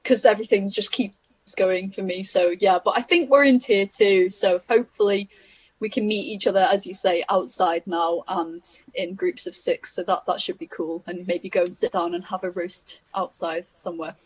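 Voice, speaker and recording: A woman's voice: mid-range voice, steady tone, moderate pace, husky. A woman with a Liverpool accent, a guest singer-songwriter on a video call, chatting in a meandering way and laughing easily. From England. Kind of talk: casual chat.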